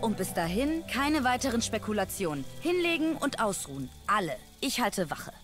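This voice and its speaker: An actress playing a proud, bossy warrior leader in a video game, with a commanding, urgent manner. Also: female voice, fairly high pitch, very animated, normal speed. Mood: brusque, commanding. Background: loud game music.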